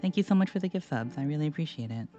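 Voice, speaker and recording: A woman streamer talks her way through a recipe in her home kitchen, her pitch bouncing up and down as she rambles with plenty of ums and little jokes. The sound is a bit dull and lo-fi, with faint music playing underneath. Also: lively intonation, rapid-fire, mellow. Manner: rambling, filler-heavy, jokey. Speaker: streamer cooking on camera. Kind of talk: casual live cooking stream chat.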